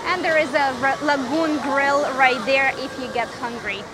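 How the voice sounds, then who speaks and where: Chatty and upbeat, a woman travel vlogger leads a casual walking tour outside at a resort lagoon, pointing things out as she goes. Her voice sits high and moves at a normal speed. The open-air recording carries outdoor noise.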